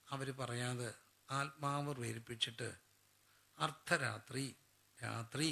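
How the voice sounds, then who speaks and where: A man preaches a sermon in a gravelly, tense voice. He draws the congregation in by asking them questions and answering each one himself. His voice sits at a middle pitch. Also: pushed and bright.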